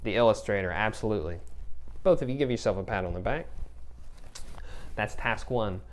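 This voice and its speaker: A male kindergarten teacher giving a recorded lesson, speaking clearly, praising and pausing for the children's answers. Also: fairly low pitch, expressive.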